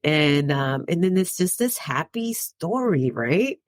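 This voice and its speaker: Her voice sits low with big pitch swings, and she takes her time. She's a podcast host from the Dominican Republic working through her thoughts in a reflective, conversational monologue, punctuating points with "right?" and chuckling in between. It's recorded in studio quality without room sound.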